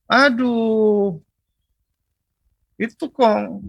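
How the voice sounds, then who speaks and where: A man voicing an expressive eastern Indonesian parent who scolds a child fondly, in a loud, high intonation. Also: moderate pace, vocal fry, no room sound, highs cut off, heavily acted. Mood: fond scolding.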